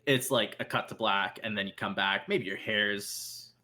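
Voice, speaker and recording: A man narrating as game master of a tabletop role-playing game, relaxed and hesitant, with many ums and restarts. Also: on the low side, measured pace.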